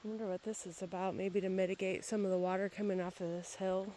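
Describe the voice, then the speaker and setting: A woman's voice: medium pitch, level tone, quick pace. A woman chatting casually as she walks and narrates a video tour outdoors by a babbling creek. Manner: chatty, talking while walking. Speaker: real estate agent filming a property walkthrough. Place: outdoors on a wooded property by a creek. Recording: faint outdoor background noise. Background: outdoor ambience by a babbling creek.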